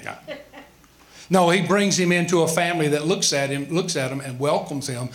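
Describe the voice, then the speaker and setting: A man in his sixties from the American South speaks at a moderate pace in a fairly high pitch. He is a pastor preaching a forceful sermon, complete with rhetorical questions and folksy asides.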